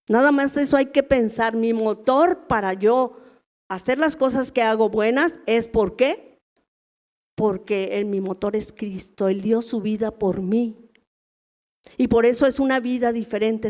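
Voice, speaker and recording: A woman's voice: a little high, darkish tone. A middle-aged woman with a Mexican accent teaching a women's church meeting in a chatty way, often asking the listeners questions. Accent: Mexican Spanish. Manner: chatty, asks the audience rhetorical questions.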